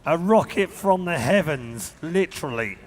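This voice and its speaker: A man's voice: fairly high pitch, animated, measured pace, a loud crowd. A man doing live commentary on a competitive video game match, with a jokey, wry manner. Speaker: esports commentator.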